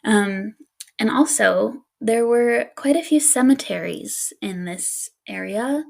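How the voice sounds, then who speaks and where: A woman's voice: a little high, takes it slowly, creaky. A woman co-hosting a podcast, telling a spooky story in casual chat with an easygoing manner and frequent laughs. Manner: relaxed, laughs often, easygoing with fillers. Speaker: podcast co-host.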